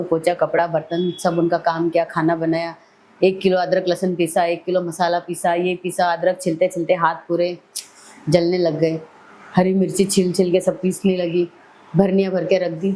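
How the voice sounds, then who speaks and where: A woman's voice: fairly low pitch, mellow, a little hiss or hum, rough recording. A middle-aged woman, a podcast guest telling her life story vividly. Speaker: celebrity hair stylist, podcast guest. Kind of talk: personal storytelling in an interview.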